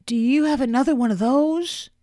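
A woman's voice: high-pitched, moderate pace, mellow, no room sound, studio quality, close to an everyday voice. A woman voicing a casual young drifter. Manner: light drawl.

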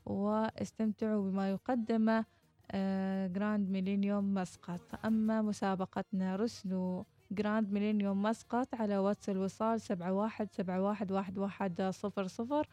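Mellow woman presenting on radio. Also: medium pitch, little pitch movement, brisk, no echo, dull audio. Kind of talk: sponsored competition read on radio.

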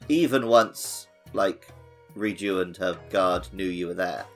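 A man co-hosts a podcast, chatting casually and joking about a video game in a low, slightly slow voice. Music plays in the background.

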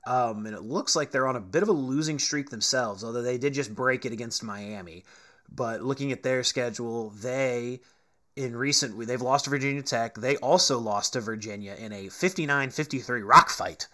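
A man's voice: mid-range voice, moderate pace, sharp tone. A male co-host of a sports talk show with a mid-range voice. He is blunt and teasing, and rattles off stats while arguing his point.

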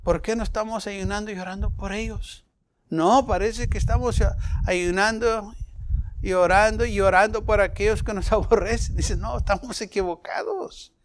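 A man delivers a sermon in a fairly high voice. He asks his listeners questions and swings between loud emphasis and quieter stretches. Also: steady tone, moderate pace. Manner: preaching, rhetorical questions, shifting loud and soft. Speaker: pastor.

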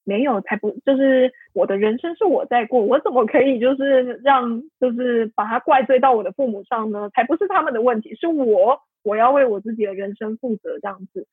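Husky-voiced woman over a tinny line. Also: a little high, a little fast, few pauses, dry recording. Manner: rambling, many fillers and self-corrections, emotional. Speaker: podcast guest. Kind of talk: candid personal storytelling. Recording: tinny phone-like line, dry.

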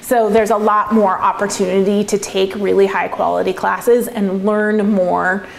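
A woman's voice: mid-range voice, flat delivery, measured pace, gravelly, slight background noise, low-quality recording. A woman giving casual, reflective answers in an interview, talking in a conversational way. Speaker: interviewee, winemaker.

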